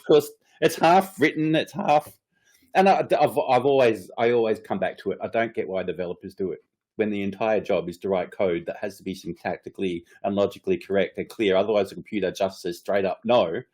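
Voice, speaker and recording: Fairly quick and pitched on the low side, this middle-aged man's voice has a darkish tone. He co-hosts a casual podcast chat, ranting about his frustrations with lots of swearing and laughter.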